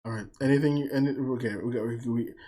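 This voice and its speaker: A young man from the United States hosting a podcast in casual chat, blunt and teasing and quick to swear. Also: mid-range voice, mellow. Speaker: podcast host.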